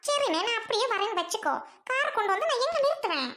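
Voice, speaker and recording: Brief: woman plays snooty rich sister, high, sneering, whiny, village family skit. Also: very animated, a little fast, a bit bright, heavily acted. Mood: scornful. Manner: scornful, mocking, whiny. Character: haughty rich young woman snubbing her poor brother.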